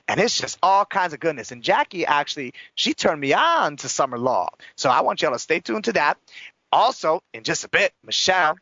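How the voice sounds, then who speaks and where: A man's voice: fairly high pitch, gravelly, bright, forceful tone, no echo, dull audio. A man hosting a casual entertainment chat show, talking emphatically and gossipily in folksy slang. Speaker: talk show host.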